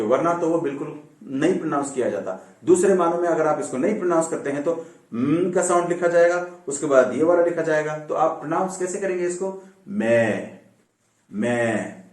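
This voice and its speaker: A man giving an online English pronunciation lesson, drilling vowel sounds by repeating them slowly and dropping in Urdu religious phrases. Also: on the high side, darkish tone, echoey room, far from the mic.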